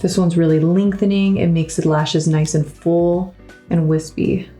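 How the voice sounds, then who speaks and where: A woman makeup artist narrating a tutorial in a calm, instructive way, with playful teasing. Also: lowish voice, measured pace, music in the background.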